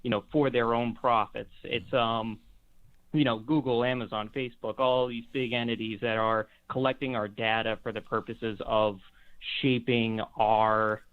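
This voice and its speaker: A man's voice: mid-range voice, flat delivery, moderate pace, clear, resonant tone. A man from Massachusetts calling in to a live show, heard over a phone line, rambling as he thinks aloud. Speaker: caller. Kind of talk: casual call-in chat. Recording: dull phone-line audio.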